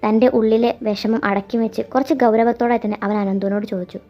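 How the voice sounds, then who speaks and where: A woman narrating a fan fiction story in a steady, reflective way. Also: on the high side, fast talker. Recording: dull lo-fi sound. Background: background music.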